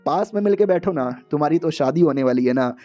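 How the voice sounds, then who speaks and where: A man's voice: fairly high pitch, lively intonation, quick pace, dark tone, highs cut off, soft background music, close to an everyday voice. A man playing a jolly meddling old grandpa. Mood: fussing.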